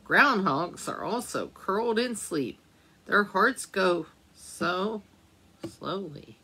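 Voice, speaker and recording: At storytime, a woman librarian reads a picture book aloud slowly and gently, stopping to ask the children questions. Her mid-range voice has lively intonation and a breathy edge.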